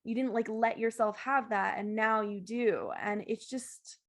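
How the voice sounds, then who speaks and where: Candid, animated woman in podcast talk. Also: a little high, measured pace. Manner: animated, candid, laughs often, acts out quotes. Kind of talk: casual podcast conversation.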